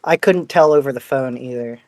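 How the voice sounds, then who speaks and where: A man's voice: medium pitch, fairly quick, dry recording. A man co-hosting a podcast as the joking, self-deprecating comic relief, with a slight lisp. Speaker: podcast co-host. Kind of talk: casual podcast chat.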